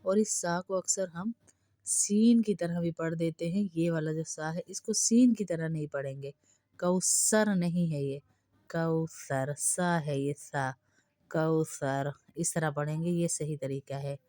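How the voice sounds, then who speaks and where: A woman teaching Quran recitation, switching between brisk explanations and slow, drawn-out demonstration of each word. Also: low voice, warm tone, no room sound, clean studio sound.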